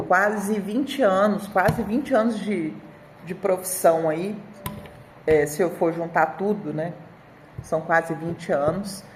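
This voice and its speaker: A woman's voice: lowish voice, slight background noise. Chatty Brazilian woman dog trainer. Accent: Brazilian Portuguese. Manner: chatty, animated storytelling, talks straight to viewers. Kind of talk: casual video presentation of an article.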